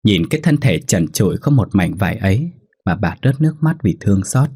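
A man narrating a ghost story in a measured, somber way. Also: on the low side, sing-song, dark tone, breathy edge.

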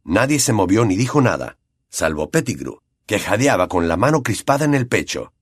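Male audiobook narrator with a Latin American accent, low and animated, dramatic delivery. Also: normal speed, breathy edge, no room sound, clean studio sound. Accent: Latin American Spanish. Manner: dramatic, expressive reading.

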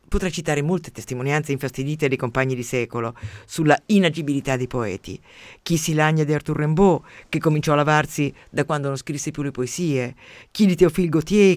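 A man with a fairly high voice hosts a radio programme, reading and commenting on poetry in a theatrical way. He bursts out loudly, then sinks to near-whispers. The studio sound is dry and close. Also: no room sound. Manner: impassioned, theatrical reading with sudden loud outbursts and hushed drops. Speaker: radio host.

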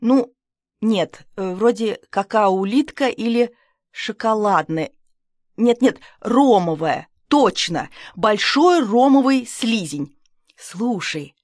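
A woman reading an audiobook, voicing a brash, excitable woman friend who rambles and bosses people around. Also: on the high side, no echo, studio quality, heavily acted. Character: brash loud woman friend, snail breeder.

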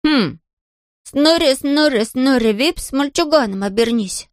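A woman voicing a bright curious boy. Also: sits high, animated, unhurried, no room sound, clean studio sound, voice pushed up. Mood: frustrated. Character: curious kind young boy, shrunk tiny.

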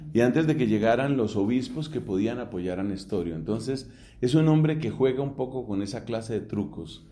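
A man's voice: medium pitch, dark tone. A middle-aged man from Colombia, a priest giving a theology lecture, who explains step by step and poses rhetorical questions that he answers himself.

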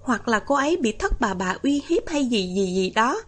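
A woman's voice: on the high side, very animated, normal speed. A woman voicing an anxious young man in a storybook reading, pleading and agitated.

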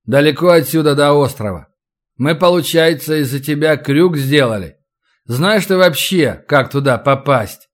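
A man's voice: fairly high pitch, lively intonation, measured pace. A man voicing a tough leader who gives curt, commanding orders. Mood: stern.

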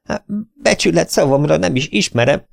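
A man's voice: a little high, animated, vocal fry, darkish tone, pitched above the performer's own voice. A man voicing a timid city sales agent who stammers and whines. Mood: timid, whining. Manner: stammering, plaintive.

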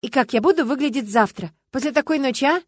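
A woman's voice: high voice, fast, no echo, pitched above the performer's own voice. A woman reading an audiobook and voicing an anxious, chatty young wife who frets and chatters. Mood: fretful. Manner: fretful, chattering.

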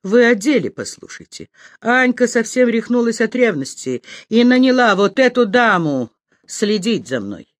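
A woman's voice: fairly high pitch, sing-song, normal speed, no echo, clean studio sound, voice pushed up. A woman reading an audiobook voices a spiteful middle-aged male artist who speaks curtly and dismissively. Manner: curt, hissing, dismissive.

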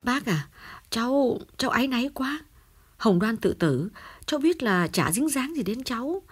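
A man's voice: very high-pitched, a little fast, a bit bright, slightly rough, voice pushed up, exaggerated voice. A man voicing an anxious young woman, a future daughter-in-law, who stammers as she talks. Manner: hesitant, stammering.

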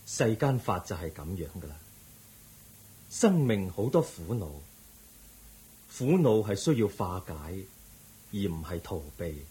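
A man acting the Buddha in a radio drama as a calm, compassionate teacher, measured and gently firm, with a Hong Kong Cantonese accent. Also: low-pitched, full character voice, rough recording. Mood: firm, consoling.

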